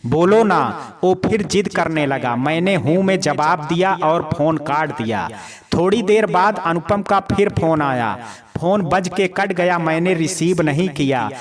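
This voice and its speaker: Man narrating a story, calm storytelling, very slow pace, fairly high voice, crowd murmur behind. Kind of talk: scripted first-person story narration.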